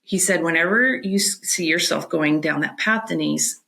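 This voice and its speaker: A middle-aged woman, a podcast guest, chatting casually and telling animated stories, often restarting her sentences. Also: low-pitched, normal speed, vocal fry. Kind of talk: casual chat.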